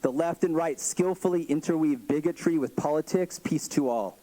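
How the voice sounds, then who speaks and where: A man giving a measured, earnest public comment at a city council meeting, speaking deliberately into a podium microphone. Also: fairly high pitch, mellow, low-quality recording. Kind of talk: prepared public comment speech.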